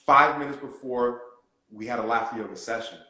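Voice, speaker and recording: A man, a laughter yoga teacher, tells a story calmly in a casual conversation. His voice sounds strongly echoey, as if from a bare room. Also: mid-range voice, fairly quick. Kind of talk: casual chat.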